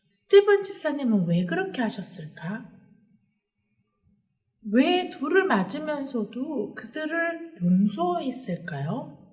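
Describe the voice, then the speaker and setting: A woman preaching a sermon to children, her voice high and swooping widely as she tells the story. She keeps turning to the kids with questions, lively and expressive throughout. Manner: animated, asks the children questions. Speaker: children's pastor.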